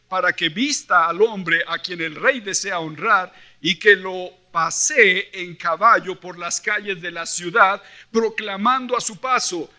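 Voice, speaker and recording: A Mexican preacher with a high, bright voice addresses a church convention with a sermon that combines Bible reading and personal stories. He's an animated storyteller who acts out quoted dialogue and emphatically throws rhetorical questions at his listeners.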